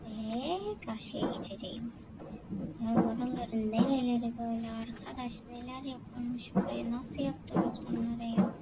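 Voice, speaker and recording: Woman gamer chatting through an obby, slow easy talk, bit high, noisy background. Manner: talks to herself and the game, jumpy exclamations. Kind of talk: let's play commentary.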